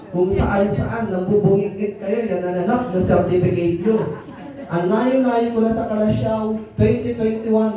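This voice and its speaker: A man's voice: high-pitched, warm tone. A man giving a teasing, playful seminar talk to teachers, mixing in English phrases. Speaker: workshop speaker for teachers. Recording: echoey hall, speaker far from mic.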